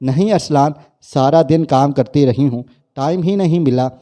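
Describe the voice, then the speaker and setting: A man's voice: fairly high pitch, lightly acted. A man voicing a timid, worn-out young wife. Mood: weary. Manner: quiet, meek.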